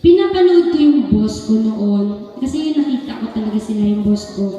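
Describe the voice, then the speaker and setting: Lady preaching, high warm voice, chatty, talks to the church folks a lot, super echoey hall. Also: lively intonation, moderate pace, faint music behind. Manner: conversational, mixes in English, keeps addressing the congregation. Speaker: lay preacher. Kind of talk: sermon. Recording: echoey hall, recorded from far off.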